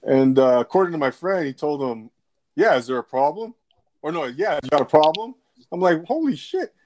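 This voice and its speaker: A man's voice: fairly high pitch, animated, a little fast, darkish tone, no room sound. A man rambling through a secondhand story in casual podcast chat. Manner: rambling storyteller with lots of restarts.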